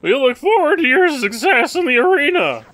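A man's voice: very high voice, big pitch swings, normal speed, sharp tone, no echo, faint music behind, pitched above the performer's own voice, exaggerated voice. A man putting on a stiff, courteous voice as a formal company representative reading out a letter.

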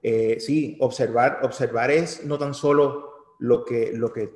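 A man's voice: medium pitch, fairly even intonation, slow pace, a little mellow. A Puerto Rican man in his forties, a photographer being interviewed, speaking reflectively with many restarts and repeated words. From Puerto Rico. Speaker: photographer guest. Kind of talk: casual interview. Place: small studio room. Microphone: desk mic. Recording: echoey room with long reverb.

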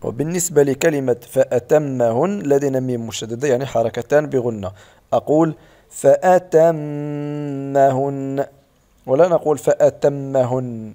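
Man, recitation teacher, patient corrections, slow demonstrations, mellow warm tone. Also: mid-range voice. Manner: patient, slows down to model correct pronunciation.

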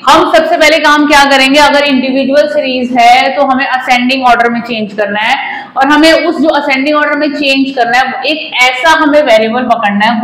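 Standing at a whiteboard, a woman in her forties who teaches commerce walks students through maths, politely addressing them and slipping in English phrases. Her voice is on the high side with a fairly bright tone, and a lapel mic picks up the classroom's echo.

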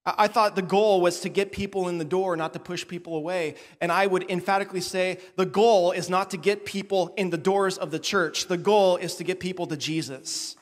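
A male pastor delivers a sermon with a fairly high voice, his preaching climbing in passion and emphasis. His words ring out with a long reverb in a church sanctuary. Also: fairly even intonation, a little fast, hardly any pauses. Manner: impassioned preaching, rising and building in emphasis.

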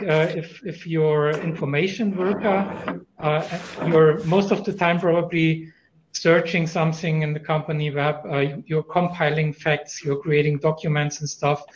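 A man's voice: on the high side, dull audio. A man with a German accent speaking as a panelist in a conference discussion over a video call, thoughtful, with many fillers and restarts.

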